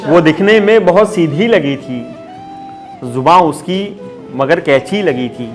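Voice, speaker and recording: This is a ghazal recitation on a Mumbai open mic stage, where a male poet with a somewhat high voice declaims unhurriedly. Each couplet comes back with rising force, backed by soft, clear instrumental music.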